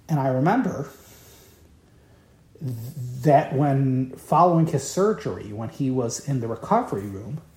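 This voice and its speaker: A woman's voice: very deep voice, dark tone. A woman giving an evening Torah lecture in an emphatic, impassioned way, often repeating key words. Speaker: Torah teacher. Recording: roomy, echoey room.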